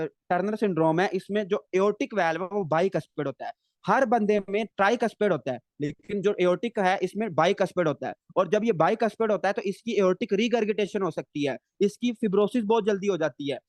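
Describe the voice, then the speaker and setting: A high-pitched man teaches a live online medical class. He fires questions at his students and answers them himself, drawing out the key terms slowly. The sound is dry and close, with no room echo. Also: darkish tone. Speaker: medical lecturer.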